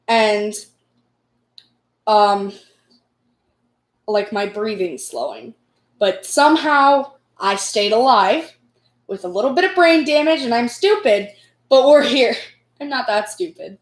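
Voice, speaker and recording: A young adult woman with an American accent telling personal stories casually, in a rambling, self-deprecating, giggly way. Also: a little high. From United States. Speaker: vlogger. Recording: echoey room.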